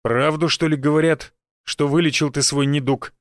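A man voicing a gruff, angry older village elder who barks slow, demanding questions. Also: on the high side, fairly even intonation, no room sound, studio quality, close to an everyday voice.

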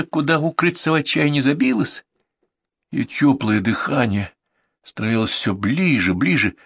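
A man narrating a first-person story in a lively, dramatic reading style. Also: on the high side, vocal fry, breathy edge, no room sound, clean studio sound.

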